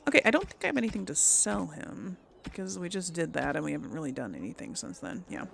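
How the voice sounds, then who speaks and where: Playing through a game casually, a woman chats and thinks out loud, mixing in role-played dialogue. Her lowish voice is gravelly yet fairly bright, swings widely in pitch, and runs a little fast, over slight background noise.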